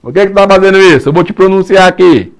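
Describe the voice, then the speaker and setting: Brief: a man playing a stern courtroom judge, loud and scolding, raised voice. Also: high voice, fast talker, voice pushed up.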